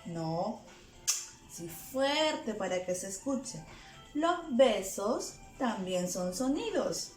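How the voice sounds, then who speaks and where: Woman teacher coaxing little kids with questions, unhurried delivery, echoey room. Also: medium pitch, big pitch swings, a little mellow. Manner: asks the children questions; playful, acts out sounds. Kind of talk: lesson for small children. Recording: echoey room with faint music.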